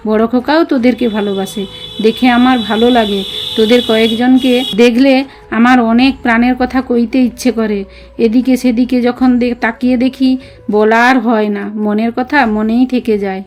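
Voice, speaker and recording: A woman reading the words of an elderly male guru, tender and wistful, in a gentle, confiding way. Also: fairly high pitch, natural voice.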